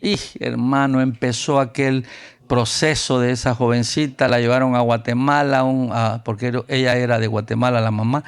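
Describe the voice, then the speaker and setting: A man's voice: medium pitch, moderate pace, clean tone. A man from Honduras with a Honduran Spanish accent, preaching a storytelling sermon at a youth camp and acting out the people he quotes. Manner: animated, acts out quoted voices.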